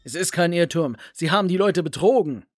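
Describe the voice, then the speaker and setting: A man voicing a stern police officer who barks orders during an arrest, in an animated story. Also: sits high, brisk, no echo, clean studio sound. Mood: commanding.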